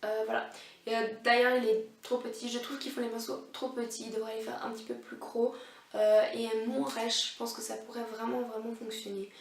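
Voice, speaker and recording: A woman's voice: on the high side, flat delivery, fairly quick, creaky. A young woman reviewing makeup brushes in a casual, hesitant way, with many fillers and restarts. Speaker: beauty vlogger. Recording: echoey room, voice a bit far from mic.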